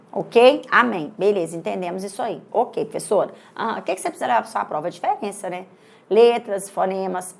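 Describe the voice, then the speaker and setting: A woman's voice: mid-range voice, vocal fry. A Brazilian woman teaching Portuguese for an exam in a chatty lecture, often checking in with her students. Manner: chatty, keeps asking "tá vendo?" and "né?".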